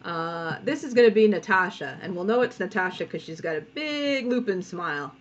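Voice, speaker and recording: A cartoonist runs a relaxed draw-along from home, speaking in an expressive, lowish voice at a normal pace on a muffled recording. She chats and giggles throughout and often breaks off to tell off her cats.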